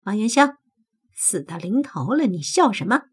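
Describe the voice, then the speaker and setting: A cruel, spiteful young man who has become a half-human monster, sneering and taunting as he talks, as a woman puts him on in an audiobook. The voice is very husky and breathy, pitched a little high. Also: very animated, moderate pace. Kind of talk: audiobook character voice.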